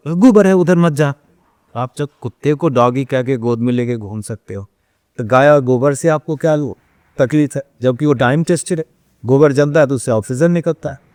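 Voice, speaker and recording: A man's voice: on the high side, darkish tone, no echo, studio quality. A man being interviewed, telling stories about running a cow shelter. He acts out the questions people put to him and slips English phrases into his speech. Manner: storytelling, acts out quoted questions and replies. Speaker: interview guest, runs an ashram cow shelter. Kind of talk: casual interview conversation.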